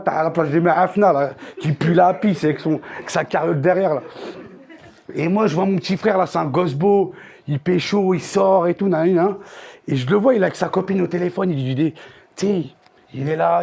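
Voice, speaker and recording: Man, stand-up comedian, high voice, gravelly, crude slangy storytelling, bursts of shouting, stage mic. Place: theater stage.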